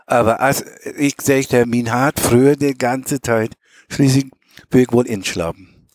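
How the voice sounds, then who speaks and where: A man with a Low German accent, reading an old memoir tale aloud in a homely, halting manner. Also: a little mellow, no room sound. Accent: Low German (Mecklenburg). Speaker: storyteller.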